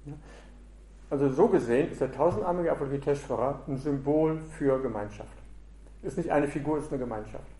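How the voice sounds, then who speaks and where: A man's voice: medium pitch, brisk, dark tone. Man, Buddhist teacher, reflective dharma talk, checks in with listeners, roomy echo. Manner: reflective, often checks in with a questioning "ja?".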